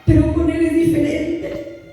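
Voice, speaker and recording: High-voiced woman doing a slow, fervent church testimony, half singing, far from the mic in a really echoey hall. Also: monotone, warm tone, soft background music. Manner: fervent, addresses the congregation often, slips into a sung cadence. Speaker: church member giving testimony.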